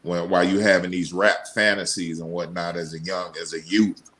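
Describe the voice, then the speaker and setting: A man's voice: deep voice, level tone, moderate pace, fairly bright tone. A man talking casually as a podcast guest, informal and conversational, repeating phrases for emphasis. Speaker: podcast guest, radio show co-host. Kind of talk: casual interview talk.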